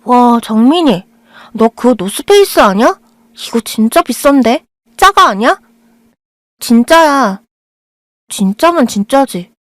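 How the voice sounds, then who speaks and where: A woman's voice: fairly high pitch, sing-song, takes it slowly, long pauses, no room sound, studio quality. A woman voicing quarrelsome teenage schoolgirls in an audio drama, taunting and picking a fight. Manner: taunting, combative.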